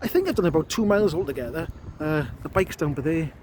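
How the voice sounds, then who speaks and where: Man, South Wales Valleys accent, slightly high voice, chatty casual vlog, outdoors, some background noise. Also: animated, quick pace, darkish tone. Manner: chatty, often tags remarks with "look". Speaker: vlogger reviewing an electric bike. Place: outdoors on paths in a park.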